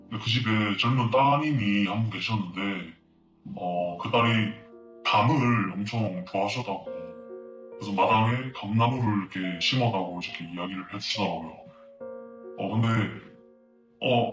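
A low-voiced man haltingly recounts what he heard, pausing often on fillers. The roomy recording has music running underneath. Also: a bit bright. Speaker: interviewee recounting events. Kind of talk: casual spoken account.

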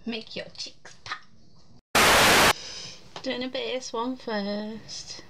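A woman's voice: fairly high pitch, fairly even intonation, extremely slow, gravelly. A woman chatting casually as she does someone's makeup, recorded in a small room at home. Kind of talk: casual chat while applying makeup. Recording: very noisy room recording with clicks.

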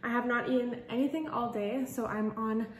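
A woman's voice: a little high, steady tone, moderate pace. Bubbly young woman chatting over food. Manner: chatty and bubbly, laughs between phrases. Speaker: vlogger host. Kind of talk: casual chat mukbang vlog. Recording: echoey room with noise.

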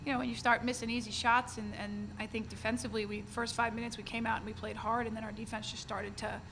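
A woman in her forties speaks as a basketball coach at a postgame press conference, her voice somewhat gravelly and her pitch flat. She talks earnestly and candidly, with frequent fillers and restarts. The recording carries the steady noise of a press room. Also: fast talker. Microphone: table mic in front of her. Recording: noisy press room ambience.

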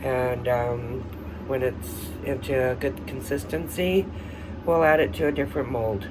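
A man talks his way through a home how-to, chatty and unhurried, with plenty of ums along the way. He sits back from the microphone in a kitchen, and an air conditioner hums clearly behind him. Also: mid-range voice. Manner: chatty, thinking aloud with fillers. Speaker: soap-making vlogger. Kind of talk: casual how-to vlog. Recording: distant mic, air-conditioner hum.

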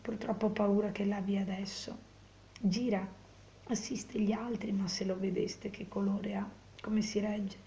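A woman's voice: mid-range voice, level tone, measured pace, gravelly, warm tone, lo-fi sound, slight background noise. A woman reading aloud, voicing an anxious, devoted young peasant man who pleads in a raised voice. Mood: urgent.

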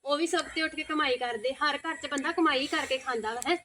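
A woman with a Punjabi accent lectures in a high, quick voice, reasoning and scolding without pause. Faint background noise sits under her lines. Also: sharp tone. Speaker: actor in a village short film. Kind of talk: rural Punjabi short-film acting.

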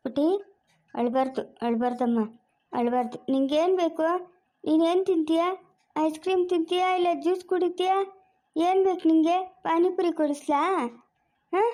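A woman's voice: very high-pitched, fairly even intonation, normal speed, long pauses, mellow. A woman playing a sly male kidnapper who sweet-talks a lost child in an amateur family skit. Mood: coaxing. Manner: sweet-talking, coaxing, then snapping.

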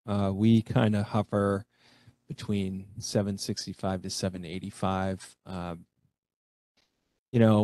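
A man, a school principal, giving enrollment numbers in a steady, plain way. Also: low-pitched, no room sound.

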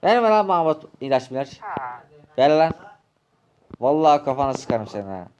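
A man in a Minecraft role-play, bickering in a taunting, rough, slangy way. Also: fairly high pitch, sing-song, normal speed, a little mellow, lo-fi sound, a little hiss or hum.

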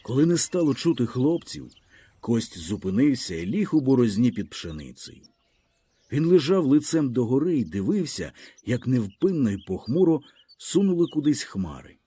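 A man's voice: medium pitch, very animated, normal speed, dark tone, husky. A man reading a literary story aloud as an audiobook narrator, telling it expressively and vividly.

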